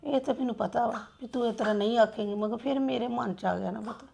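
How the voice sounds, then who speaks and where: A woman playing a soft-spoken older mother whose voice sits fairly high with a gravelly edge. She pleads and consoles gently, hurt but yielding. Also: fast, background noise. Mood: gentle, hurt. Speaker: mother-in-law character.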